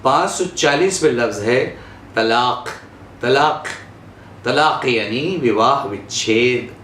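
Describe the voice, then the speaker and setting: A man's voice: mid-range voice, slow pace, fairly bright tone, a little hiss or hum. A man teaching Urdu pronunciation, carefully saying each word, repeating it and explaining its meaning. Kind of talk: slow word-by-word pronunciation lesson. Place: studio. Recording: roomy echo, faint ambience.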